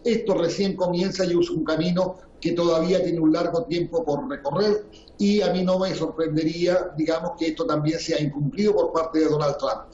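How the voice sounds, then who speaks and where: Man, political analyst, halting delivery, roomy echo, muffled recording. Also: a little high, fairly even intonation, darkish tone, a little hiss or hum. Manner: halting, repeats words, addresses host by name. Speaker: guest analyst. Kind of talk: political commentary.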